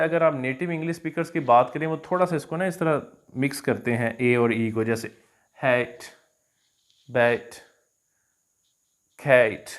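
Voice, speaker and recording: Man explaining English phonics. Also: a little high. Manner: explanatory, repeats "theek hai na" and fillers. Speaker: English teacher. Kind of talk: explaining phonics to teachers and students.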